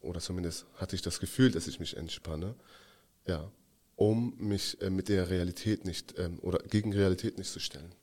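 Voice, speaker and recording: Low-voiced guy in his twenties from afghanistan, podcast guest, lots of ums, thoughtful. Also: moderate pace, darkish tone. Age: 20s. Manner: hesitant, reflective, many fillers. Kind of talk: casual interview talk.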